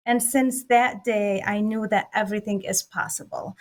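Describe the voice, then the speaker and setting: A woman in her forties from Lebanon, an Arabic speaker, speaking sincerely and a little haltingly as a nonprofit director at a town hall. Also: mid-range voice, fairly even intonation. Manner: sincere, hesitant, many fillers. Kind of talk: prepared remarks on a telephone town hall.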